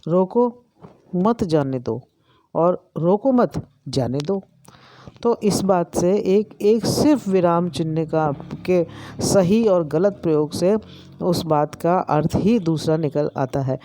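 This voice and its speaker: A middle-aged woman with an Indian accent, an education lecturer, explaining slowly with many pauses and fillers. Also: low-pitched, dark tone, no echo. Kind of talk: recorded lecture.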